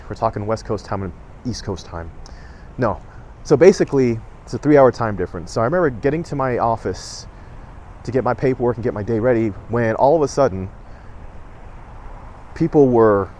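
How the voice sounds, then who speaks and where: A middle-aged man telling a personal story in a loose, rambling way, full of "you know" and restarts. His voice sits at an ordinary pitch and carries emotion. A faint noise hums underneath. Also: a little mellow. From Southern California. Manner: rambling, many fillers and self-corrections. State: emotional, choking up. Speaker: vlogger.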